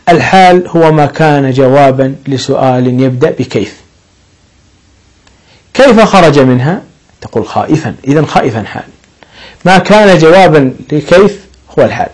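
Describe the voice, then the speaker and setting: A man's voice: fairly high pitch, darkish tone, rough recording. A man teaching an Arabic grammar lesson, explaining patiently step by step and lifting his voice on each example sentence.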